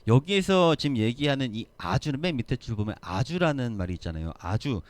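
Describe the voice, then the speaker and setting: A man's voice: mid-range voice, a little fast. A man preaching a sermon to a youth group, asking the listeners questions and acting out the scenes he describes. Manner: animated, asks the listeners questions, acts out quotes. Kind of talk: sermon to teens.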